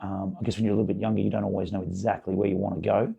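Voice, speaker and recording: A middle-aged man with a hoarse, croaky voice, talking casually as a podcast guest, with many fillers and restarts. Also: fairly low pitch, little pitch movement, rapid-fire, dark tone, highs cut off. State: hoarse, voice partly gone. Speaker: podcast guest, basketball facility owner. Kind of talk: casual interview chat.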